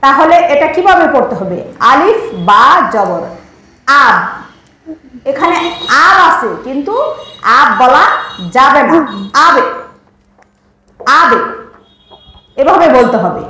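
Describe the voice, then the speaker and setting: Woman teacher who drills a pupil on recitation rules, high and animated, in a roomy space. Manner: explains step by step, repeating examples slowly. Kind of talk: teaching lesson, questioning a pupil.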